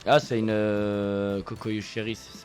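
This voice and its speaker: A man in excited casual livestream chat, repeating words for emphasis. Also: on the low side, measured pace, smooth. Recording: loud music over the voice. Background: loud music.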